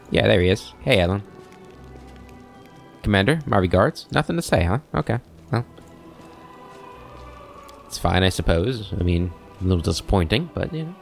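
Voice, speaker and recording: A man hosting a let's play, giving relaxed commentary and muttering asides to himself. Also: lowish voice, normal speed, gravelly, pauses often, soft background music. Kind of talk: casual gameplay commentary.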